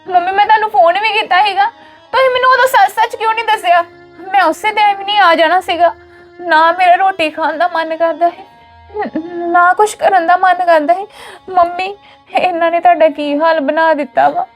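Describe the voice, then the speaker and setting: A woman's voice: extremely high pitch, steady tone, moderate pace, soft background music. A woman with a Punjabi accent playing a devoted daughter who angrily scolds her brothers for how they have treated their mother. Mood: distressed. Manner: scolding, emphatic. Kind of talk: Punjabi family drama acting.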